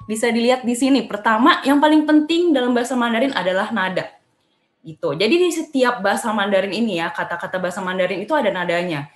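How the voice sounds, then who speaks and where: A woman's voice: fairly high pitch, fast, reverberant, soft background music. A young woman teaching a beginner Mandarin lesson online, chatty and cheerful, sounding out tones aloud.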